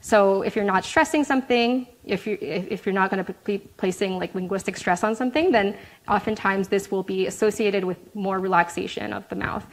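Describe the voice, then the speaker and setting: A woman's voice: medium pitch, fairly quick, poor audio. Woman giving a chatty academic talk. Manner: chatty, frequent "um" and tag "right?"; light laughs, self-deprecating asides. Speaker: graduate student presenter. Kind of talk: academic presentation.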